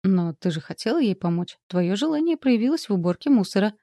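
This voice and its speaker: A woman voicing a calm, stern aristocratic count who explains things in a measured way. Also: mid-range voice, no room sound, clean studio sound.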